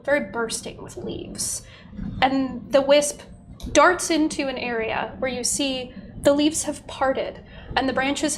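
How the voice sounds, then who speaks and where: A woman narrating a tabletop game as game master, describing scenes in halting, piece-by-piece phrases. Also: high-pitched, background noise. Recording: background music.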